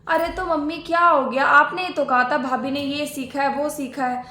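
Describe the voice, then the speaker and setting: A woman's voice: sits high, steady tone, normal speed, sharp tone. A woman playing a demanding, bossy married sister-in-law who complains and gives orders, in a homemade family skit. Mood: complaining. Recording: echoey room.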